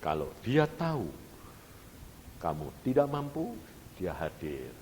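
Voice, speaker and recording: Animated preacher with a tinge. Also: male voice, takes it slowly. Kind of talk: sermon. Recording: reverberant hall with faint rumble.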